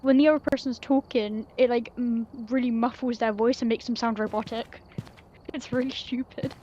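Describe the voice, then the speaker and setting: A woman's voice: on the high side, fairly even intonation, moderate pace, warm tone. Woman on a muffled, lo-fi voice chat. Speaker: friend on a voice call. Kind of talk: casual chat. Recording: dull lo-fi voice chat with faint hiss.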